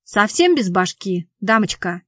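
A woman voicing a snide male traffic cop who barks his words loudly. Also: high voice, very animated, measured pace, dry recording, studio quality, heavily acted. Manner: loud, snide, barking.

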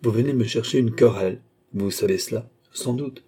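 An audiobook reader giving voice to a calm, courteous but mocking count who poses as a seer, slightly above his narrating pitch. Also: moderate pace, natural voice. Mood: calm, ironic. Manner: smooth, courteous, quietly mocking. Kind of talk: audiobook character reading.

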